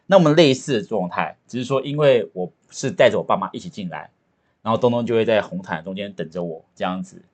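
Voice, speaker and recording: A man, co-hosting a casual podcast chat and telling stories in an animated, joking way. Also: fairly low pitch, fast. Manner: animated, chatty, jokey storyteller. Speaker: podcast co-host about to marry.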